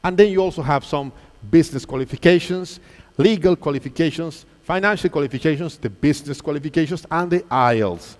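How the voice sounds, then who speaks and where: On a large auditorium stage with ringing hall reverb, a man in his thirties presents at a teachers' convention. His voice is fairly high and a little fast, and he's lively and engaging, quizzing the big audience with questions.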